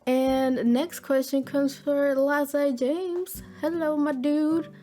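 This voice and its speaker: A young woman in her twenties with a fairly high voice, talking to her viewers in a relaxed Q&A vlog. She is chatty, upbeat and full of slang. Soft music plays faintly behind her. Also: slow. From Florida, USA. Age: 20s. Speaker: gaming YouTuber. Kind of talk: casual Q&A vlog. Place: at home at her computer.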